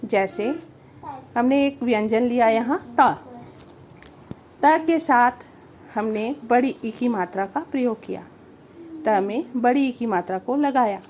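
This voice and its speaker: A woman's voice: on the high side, takes it slowly, long pauses, darkish tone, slight background noise. A woman teaching a Hindi lesson, explaining step by step, repeating each term and asking the viewer questions. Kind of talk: slow, patient language lesson.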